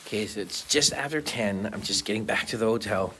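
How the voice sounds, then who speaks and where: A man's voice: on the low side, fairly quick, pushed and bright, reverberant, a little hiss or hum. A man in his fifties, tired after a long day, talking earnestly to the camera from a hotel room at night, often restarting his sentences. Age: 50s. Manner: reflective, earnest, with frequent restarts. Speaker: vlogger. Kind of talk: casual vlog talk to camera. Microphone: camera on a table at arm's length.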